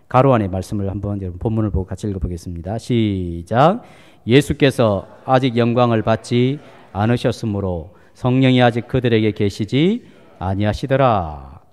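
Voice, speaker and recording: A man pastor preaching a Sunday sermon, asking the congregation questions and swinging from loud exhortation to hushed near-whispers. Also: a little high. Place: church sanctuary. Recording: long church hall reverb.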